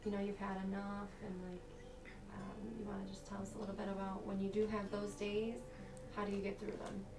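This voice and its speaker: Monotone woman interviewer, distant from the mic. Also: medium pitch, brisk. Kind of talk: informal interview questions. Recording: roomy, off-mic, music behind.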